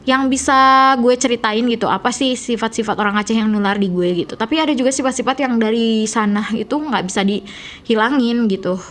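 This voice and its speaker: Chatty young woman, soft Sundanese accent. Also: fairly high pitch, fairly quick. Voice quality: soft, gentle way of speaking. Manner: chatty, rambling, many fillers. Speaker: vlogger. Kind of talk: casual storytelling to camera.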